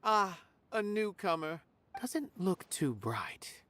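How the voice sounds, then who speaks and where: An enigmatic, judgmental female artist from a video game. The delivery is slow, languid and condescending, with a strongly animated pitch that dips and rises. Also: background noise. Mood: aloof, curious.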